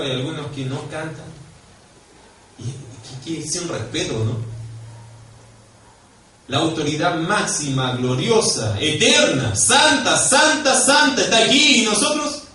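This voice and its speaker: A man with a Chilean accent preaching a sermon as pastor, animated, swinging from quiet to loud and emphatic, and putting questions to the congregation. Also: mid-range voice, slight background noise. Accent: Chilean Spanish. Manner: questions and prompts the congregation directly. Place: church hall. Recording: echoey church hall, mic far off.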